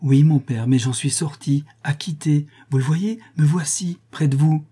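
A man's voice: fairly high pitch, measured pace, dark tone, husky, pitched above the performer's own voice. A man reading a novel aloud and voicing a young daughter who pleads tenderly with her father. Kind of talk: audiobook character voice.

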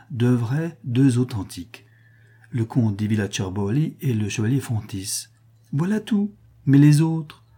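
Husky, mellow man reading a precise detective for an audiobook; lofty, lectures in logic. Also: medium pitch. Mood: lecturing. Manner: lofty, didactic, reasoning aloud. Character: shrewd, precise male detective, coolly logical.

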